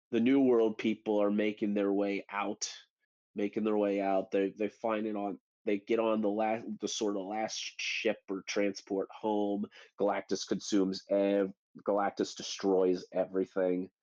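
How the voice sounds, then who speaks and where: A man chatting casually as he retells a story, his lowish voice jumping up whenever he acts out a line. The audio is dull and lo-fi, as if from an online call. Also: a little slow. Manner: animated recapping, acts out quoted lines in big high bursts. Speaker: book club host. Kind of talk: casual chat.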